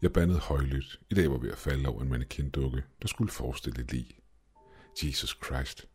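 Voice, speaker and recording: A man reads a first-person horror story in a very deep, low voice. His delivery is steady and measured. Soft music plays faintly behind him. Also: slightly rough. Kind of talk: scripted horror story narration.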